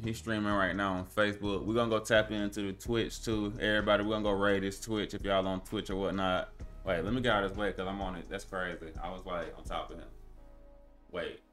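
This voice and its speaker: A young man's brisk, lowish voice carries his live stream, where he trades relaxed, slangy banter with chat that climbs into excited hype, instrumental music running behind him.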